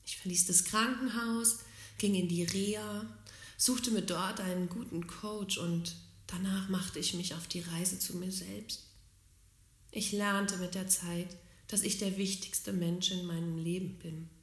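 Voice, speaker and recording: A woman calmly and earnestly telling her own life story in a reflective way. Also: on the low side, a little slow. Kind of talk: personal storytelling. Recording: roomy, echoey recording.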